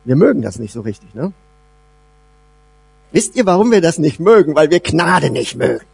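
A man preaching a sermon, swinging between loud emphasis and soft, low asides. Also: big pitch swings, moderate pace, vocal fry, slightly rough, no echo. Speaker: pastor.

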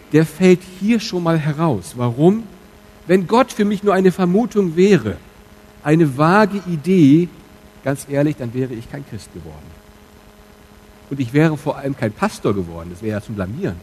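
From the pulpit, a pastor with a fairly high voice speaks candidly to his congregation, mixing quiet asides with emphatic, loud stresses. The sermon is captured in poor audio with a slight background noise.

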